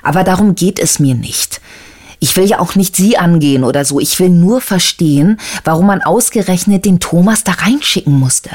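A man's voice: high voice, expressive, normal speed. A reader voicing an insistent, agitated male detective who keeps pressing with questions, in an audiobook. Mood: probing.

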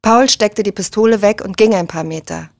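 A woman reads a thriller audiobook with steady, measured narration. The recording is close and entirely dry, with no room sound. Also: mid-range voice, creaky, no room sound.

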